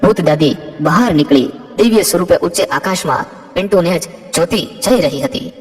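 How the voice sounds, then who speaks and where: High-voiced man narrating a story. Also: moderate pace. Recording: long reverb with background music.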